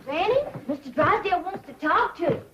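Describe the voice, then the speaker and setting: A woman's voice: very high voice, expressive, fairly quick, crowd noise. An actress playing a naive, cheerful young backwoods woman with a rural Southern US accent, in a television sitcom. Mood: cheerful, guileless. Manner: guileless, folksy. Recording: dull sound, noisy with audience.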